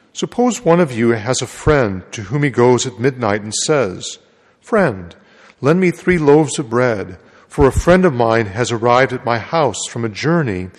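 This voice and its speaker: A man serving as a priest, reading the gospel and preaching a homily in a large church. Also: medium pitch. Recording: long echo of a large church.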